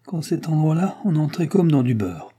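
A man's voice: on the high side, big pitch swings, normal speed, crowd noise, voice pushed up. A man voicing a cunning male cutthroat who poses as a humble fruit seller, in a folksy, sly manner.

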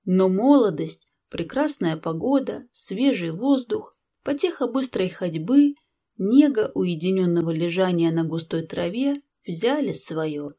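A woman narrating a classic novel in first person, calm, measured and reflective. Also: mid-range voice. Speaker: audiobook reader. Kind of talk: scripted literary narration.

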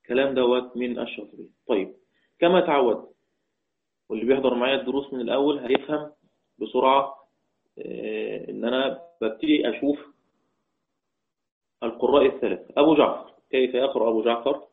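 A man with an Egyptian accent teaching a religious lesson, asking and answering his own questions and chanting quoted verses slowly. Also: medium pitch, creaky, slight background noise. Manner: slow melodic recitation of quoted verses between explanations; asks questions and answers them himself, repeating key points. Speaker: Quran recitation teacher. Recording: tinny phone-like audio.

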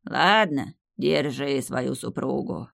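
A woman voicing a grumpy, prudish old female tree spirit in an audiobook, with a wheezy, croaking voice and a slow, drawling, scolding manner. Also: very deep voice, dry recording, clean studio sound, exaggerated voice. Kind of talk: audiobook character voice.

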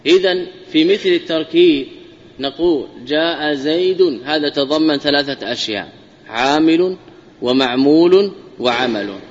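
A man giving a classical Arabic grammar lesson as a sheikh, speaking deliberately and repeating key phrases to drive definitions home. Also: a little high, lively intonation. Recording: muffled lo-fi lecture audio with long hall reverb.

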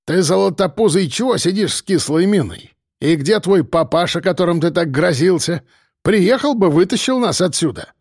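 A man's voice: high-pitched, expressive, normal speed, a little mellow, breathy edge, dry recording, studio quality, voice pushed up, exaggerated voice. A man voicing a feisty old male prisoner who taunts and jeers. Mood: jeering. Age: older. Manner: taunting, jeering.

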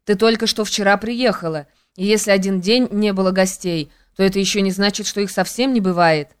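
A woman's voice: medium pitch, steady tone, brisk, smooth, close to an everyday voice. A woman reading an audiobook, voicing a mild, placating young nobleman.

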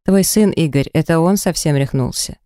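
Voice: medium pitch, moderate pace, mellow, no room sound, clean studio sound, natural voice. A narrator voicing an earnest, apologetic loyal friend in an audiobook. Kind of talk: audiobook character voice.

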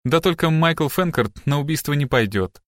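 Man voicing grieving mother, sharp-tongued, agitated, high and strained, audiobook. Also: lively intonation, normal speed, no room sound, clean studio sound. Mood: fretful. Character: distraught grieving middle-aged wife and mother, sharp-tongued.

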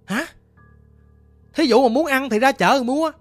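A brusque old grandmother, as a woman telling a ghost story puts her on scolds in brisk questions. Her voice sits a little high. Soft music plays under the storybook telling. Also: dry recording. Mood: scolding.

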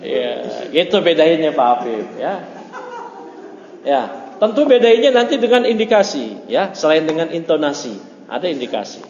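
Male teacher with a higher voice, joking, chatty class talk, muffled roomy recording. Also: normal speed. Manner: joking, chatty, mixes Arabic terms into relaxed explanation. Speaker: teacher of Arabic grammar. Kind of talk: informal classroom lesson. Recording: muffled echoey room recording.

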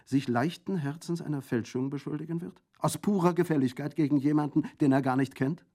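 A stiffly formal official, as a man puts him on, speaking with polite condescension in a raised, slightly higher voice. The tone is mellow and dark, and his phrasing stays measured and official. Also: lightly acted. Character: official French prefect, formal and patronizing. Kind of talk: audiobook reading.

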